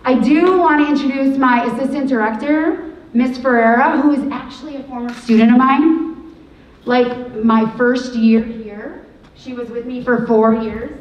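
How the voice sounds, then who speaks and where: A woman's voice: high-pitched, steady tone, moderate pace, muffled recording. Chatty woman welcoming a school play audience. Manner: chatty, rambling, enthusiastic. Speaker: drama teacher and director. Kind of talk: welcome speech to a live audience. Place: school auditorium stage. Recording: echoey hall, far from mic, faint hiss.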